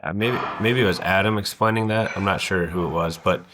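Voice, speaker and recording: A man's voice: low-pitched, a little fast, noisy background. A young adult man hosting a podcast, chatting casually with loose, agreeable phrasing. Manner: relaxed, agreeable, loose "like, you know" phrasing. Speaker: podcast host. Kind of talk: casual chat.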